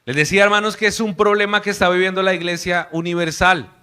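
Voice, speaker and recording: Bright, clear-voiced Colombian preacher. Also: male voice, sits high, steady tone, quick pace. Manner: earnest, warm preaching with hushed prayer. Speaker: missionary preacher. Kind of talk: sermon.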